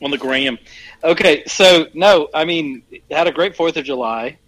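A podcast co-host with a fairly high, fairly bright voice chats casually, rambling, halting and correcting himself. He sounds like he's on a phone call over a weak internet connection.

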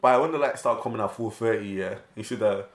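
A man's voice: lowish voice, quick pace. A man in his early twenties with an urban London roadman accent, bantering casually and bluntly in heavy slang. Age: early 20s. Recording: echoey room.

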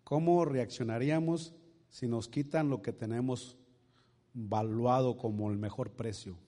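A male pastor preaching a sermon, swinging from quiet asides to loud exclamations and asking his congregation rhetorical questions. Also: mid-range voice, unhurried. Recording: long reverb of a large hall.

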